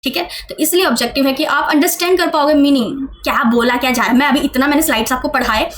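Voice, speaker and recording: A woman with a high voice gives a quick exam-prep lesson. She keeps it casual and chatty, checking in with the listener again and again. A faint hiss sits under the recording. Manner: chatty, repeats "theek hai" often, asks the viewer questions. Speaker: teacher.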